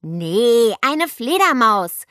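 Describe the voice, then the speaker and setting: A pushy, eager schoolboy who speaks loudly and insists on hearing everything, acted by a woman reading a storybook. His lines come with lively swings in pitch, recorded close and dry. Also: very slow, no echo, exaggerated voice. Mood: insistent. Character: impatient schoolboy, a bit dramatic.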